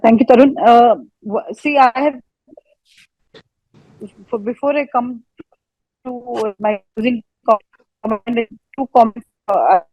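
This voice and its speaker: A woman speaking on a video call as a debate panelist, her connection breaking up and cutting out as she talks in halting bits. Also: a little high, muffled recording. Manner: halting, stops to check she can be heard. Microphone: remote video call. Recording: patchy online call audio that drops in and out.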